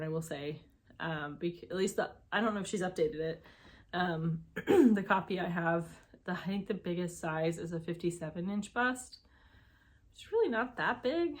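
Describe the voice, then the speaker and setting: A woman hosting her knitting podcast at home, chatting casually and rambling with lots of fillers and asides. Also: mid-range voice. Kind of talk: casual chat.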